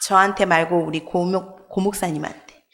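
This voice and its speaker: A woman's voice: on the low side, steady tone, normal speed, a bit bright. A woman pastor preaching a sermon in a church, telling a personal story with humor and acting out the dialogue. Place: church sanctuary.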